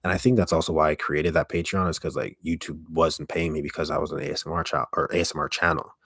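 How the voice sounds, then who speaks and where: An ASMR streamer hosting a live stream rambles casually in a man's extremely low, deep, gravelly voice, heavy with vocal fry and a husky grain. He's halting, keeps interrupting himself, swears mildly, and his delivery is flat with a fairly bright tone. The sound is dry and close-miked, with no echo.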